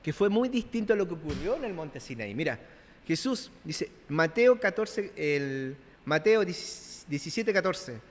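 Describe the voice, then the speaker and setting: Lively Chilean preacher in a reverberant church. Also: male voice, a little high, a little slow. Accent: Chilean Spanish. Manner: conversational preaching, constant check-ins with the congregation; acts out biblical dialogue in playful voices. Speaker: pastor. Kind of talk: sermon. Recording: long reverb of a church hall.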